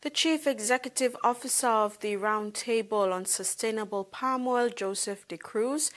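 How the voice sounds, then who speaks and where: A woman news anchor reading scripted news items with crisp studio delivery. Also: on the high side, moderate pace, fairly bright tone.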